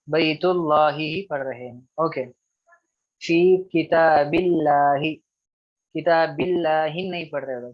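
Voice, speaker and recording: A man's voice: fairly high pitch, lo-fi sound. A man teaching an Arabic grammar lesson, patiently repeating each rule and checking in with his students often. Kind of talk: recorded online grammar lesson.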